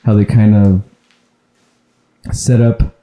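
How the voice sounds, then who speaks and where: A man's voice: lowish voice, little pitch movement, slow, warm tone, echoey room. A man co-hosting a podcast, chatting casually about movies, laughing often and trailing off mid-sentence. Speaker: podcast co-host.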